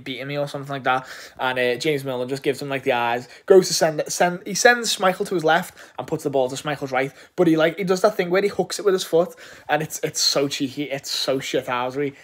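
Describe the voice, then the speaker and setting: Excitable English football fan, rambling. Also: male voice, on the high side. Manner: enthusiastic, rambling, frequent swearing and restarts. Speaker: football fan reviewing a match. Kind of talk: casual post-match reaction.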